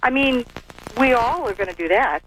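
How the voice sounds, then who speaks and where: A woman's voice: fairly high pitch, lively intonation, moderate pace, fairly bright tone. An American woman talking casually as a caller to a radio show. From California, United States. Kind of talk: casual chat. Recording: noisy call to radio show.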